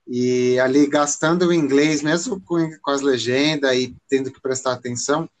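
A man with a Brazilian Portuguese accent hosting a casual podcast chat, opinionated and animated, often restarting his sentences. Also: medium pitch, normal speed.

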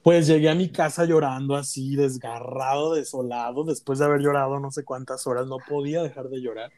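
Brisk and medium-pitched, a young guest with a Mexican Spanish accent shares his personal story openly in relaxed conversation. He's animated, imitating the voices of the people involved.

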